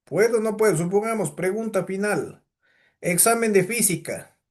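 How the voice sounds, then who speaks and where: A man's voice: high voice, moderate pace. A man teaching a physics class, lecturing and firing questions at his students. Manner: asks the class many rhetorical questions.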